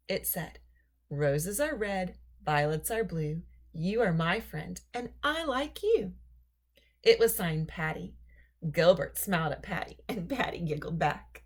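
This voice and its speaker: Her pitch fairly low, a woman narrates a story for children, taking her time and giving each line expressive storybook flair.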